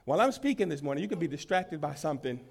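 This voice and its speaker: A man preaching a sermon to his congregation as pastor while he has a cold. He swings between loud emphasis and quiet asides and laughs easily. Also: fairly high pitch, very animated, racing, vocal fry. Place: church in front of a congregation.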